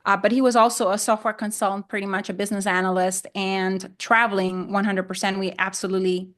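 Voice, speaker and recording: On a podcast, a middle-aged woman from Honduras who speaks Spanish natively talks about her work as a land investor, conversational and prone to repeating and rewording. Her mid-range voice is fast, fairly bright, and shows little pitch movement.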